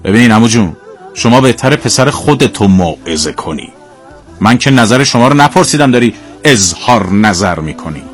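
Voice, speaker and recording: A man voicing a rude, hot-tempered male taxi driver who yells and threatens in a raised, high-pushed voice. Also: lively intonation, soft background music, close to an everyday voice. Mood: angry shouting. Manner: aggressive, yelling, threatening.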